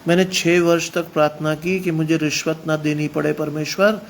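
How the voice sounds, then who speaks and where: High-voiced preacher, emphatic. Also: male voice, little pitch movement, normal speed, slight background noise. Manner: mixes English phrases into emphatic preaching. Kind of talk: sermon.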